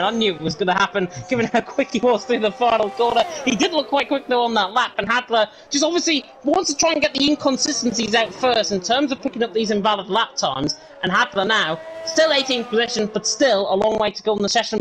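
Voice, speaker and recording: A man with a Northern English accent calls an esports race in rapid play-by-play, his voice pitched strikingly high for a man. He drops in chatty asides to the viewers between lap times. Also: fairly bright tone, low-quality recording. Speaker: lead commentator.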